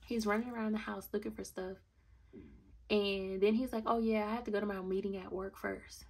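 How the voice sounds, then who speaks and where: A woman's voice: medium pitch, fairly even intonation, fairly quick, gravelly, husky. A young woman telling a storytime vlog, blunt and indignant, talking straight to her viewers. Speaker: vlogger.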